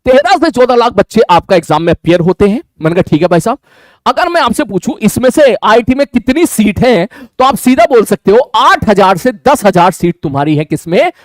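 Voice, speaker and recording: A man teaching a live online class, talking fast and repeating his phrases with frequent checks for understanding. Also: high voice, sing-song, no room sound, clean studio sound.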